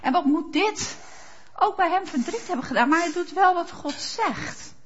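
A woman preaching a sermon, slow and emphatic, rising to fervent quoted prayers. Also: very high voice, expressive, fairly bright tone. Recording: dull lo-fi sound.

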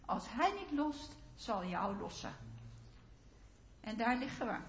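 A woman preacher steps into Ruth, a young widow telling her own story in first person, slow and intimate. Her voice sits high and swings widely in pitch. The sound is roomy and a little muffled. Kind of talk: first-person sermon monologue. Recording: roomy, slightly dull sound.

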